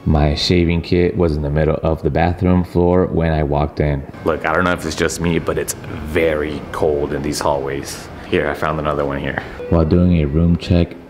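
Speaking in a darkish bass voice, a young man casually narrates a vlog from his hotel room and the hallways outside, chatty and half in jest but a bit nervous. He films on a handheld camera at arm's length. The room is echoey, with faint ambience and slight background noise.

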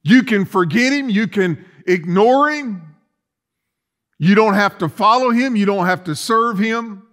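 Speaking at a measured pace, this middle-aged man has a high, fairly bright voice as he preaches from the pulpit. His sermon is emphatic, packed with repetition and rhetorical questions, and was recorded in a church sanctuary with empty chairs.

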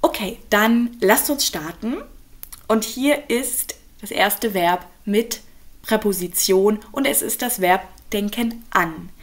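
In an online German lesson, a young teacher who is a native speaker walks patiently through grammar points with worked examples. She speaks at a medium pitch, slowly and clearly, staying calm throughout.

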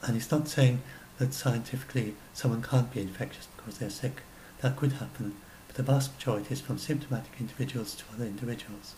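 This is casual solo commentary from a sixty-something science blogger going over his notes at his desk in a small home room, picked up by a webcam. He rambles and keeps correcting himself in a warm, medium-pitched voice, with a little hiss or hum on a low-quality recording.

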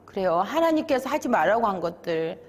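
A woman pastor telling a Bible story to young children, animated and asking them questions. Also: medium pitch, brisk, long reverb tail.

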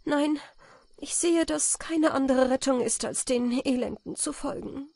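A woman's voice: high-pitched, measured pace, gravelly, a little mellow, no room sound, clean studio sound, pitched above the performer's own voice. A woman voicing a pale noble countess who speaks in a pleading, resigned way.

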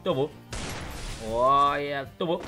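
A young man, commentating his own gameplay excitedly on a headset mic and calling his viewers family. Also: fairly high pitch, takes it slowly, music in the background. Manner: hyped, slangy, keeps addressing viewers as family. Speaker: gaming youtuber.

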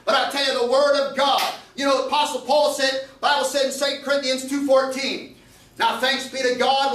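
A man preaching a fiery revival sermon at a pulpit microphone, quoting scripture in old King James wording and rising into shouts. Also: very high voice, roomy sound, recorded from a distance, poor audio.

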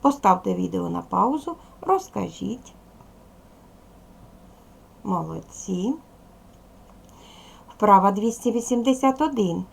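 A woman with a Ukrainian accent, teaching a recorded second-grade lesson in a lively, sing-song way. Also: medium pitch, slow, creaky, long pauses, slight background noise. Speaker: primary school teacher.

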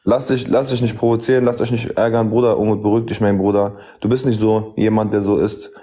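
Low, mellow man calming a quarrel. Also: fast talker. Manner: soothing, placating, repetitive. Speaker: mediator in live stream. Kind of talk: calming casual talk.

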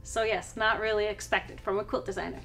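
A woman's voice: medium pitch, steady tone, brisk, a bit bright, soft background music. A middle-aged woman from Iceland, a quilt designer, answering interview questions in a cheerful, emphatic way in a studio.

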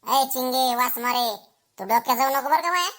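A woman's voice: sits high, a little fast, fairly bright tone. A woman voicing a feisty schoolgirl who scolds and insults the boys. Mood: scolding. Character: feisty sharp-tongued schoolgirl.

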